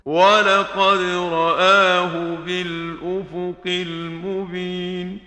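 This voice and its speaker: A man's voice: sits high, little pitch movement, pushed and bright. A man reciting scripture in a melodic chant, drawing out each phrase. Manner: drawn-out sung phrases. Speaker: Quran reciter. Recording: echoey hall with long reverb.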